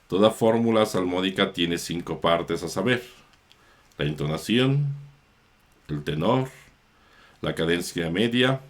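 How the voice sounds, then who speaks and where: Male priest-teacher, low-pitched, measured, unhurried, pausing to correct himself. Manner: slow, measured, with small self-corrections. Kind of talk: explanatory chant lesson.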